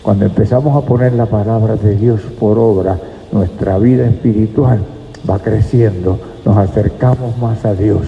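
A man preaching a sermon in a church, emphatic and speaking to the congregation as brothers. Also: medium pitch. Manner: emphatic, addresses listeners as brothers. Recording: echoey hall, dull lo-fi sound.

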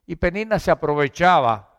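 A man's voice: fairly high pitch, lively intonation, normal speed, a bit bright, smooth, long reverb tail. A man preaching a sermon in a conversational, joking way, calling his listeners brother and sister.

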